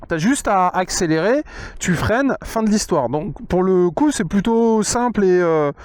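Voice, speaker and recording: High-voiced man talking inside a helmet. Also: expressive, a little slow, darkish tone, dry recording. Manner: informal, thinking aloud while riding. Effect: voice muffled inside a motorcycle helmet. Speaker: motovlogger test-riding an electric motorcycle. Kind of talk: casual ride-along commentary. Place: outdoors, inside a helmet on a moving motorcycle. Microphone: microphone inside the helmet.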